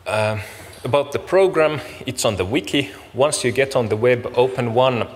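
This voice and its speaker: A man with a fairly low voice speaks as an event host, running through housekeeping in a casual, slightly apologetic manner. The recording has long hall reverb and clear background noise. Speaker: event organiser and host opening a summit. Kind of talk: informal conference welcome with practical announcements. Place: large conference room, speaking to an audience.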